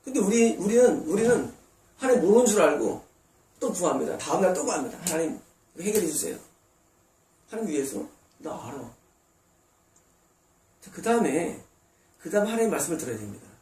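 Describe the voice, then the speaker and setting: A man's voice: high-pitched, big pitch swings, quick pace, dark tone. A man preaching a sermon as pastor, emphatic, acting out God and congregants in short quoted asides. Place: church sanctuary. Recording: roomy distant church recording.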